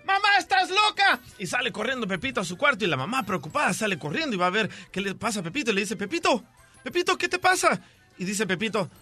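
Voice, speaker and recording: A man working as a radio DJ, telling a joke in an animated, excitable way. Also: high voice.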